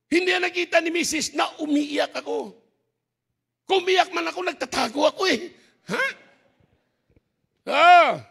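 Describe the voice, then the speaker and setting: High-pitched gravelly preacher man. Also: unhurried, pauses often. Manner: animated, laughing, shouting for emphasis. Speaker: pastor. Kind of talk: storytelling sermon. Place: church graduation service.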